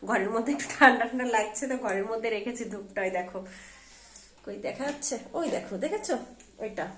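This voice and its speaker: A woman with a hoarse voice from a fever, chatting casually to her viewers in a home vlog and checking in with them as she goes. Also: a little high, fast, fairly bright tone. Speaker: home vlogger and mother. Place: at home indoors.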